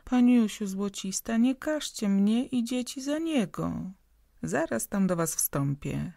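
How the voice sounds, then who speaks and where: A woman's voice: a little high, expressive, takes it slowly, creaky, mellow, no echo, studio quality, voice pushed up, heavily acted. A woman voicing a poor working-class wife who complains about her husband and pleads. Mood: pleading.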